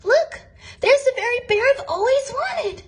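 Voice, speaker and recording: A woman voicing a sweet, earnest and excited little girl in a storybook. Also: very high-pitched, unhurried, voice pushed up. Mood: pleading, excited. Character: eager, sweet little girl longing for a bear.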